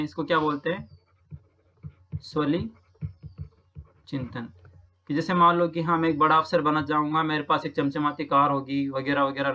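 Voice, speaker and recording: With a slightly high, sharp-toned voice, a Rajasthani teacher patiently takes listeners through practice exam questions, restating each answer and checking in often. The audio sounds dull.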